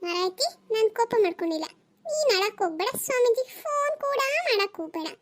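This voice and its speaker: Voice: very high voice, very animated, quick pace. A performer voicing a grumpy, short-tempered cartoon husband and father who scolds and grumbles. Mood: grumbling scolding. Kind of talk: cartoon comedy voice acting.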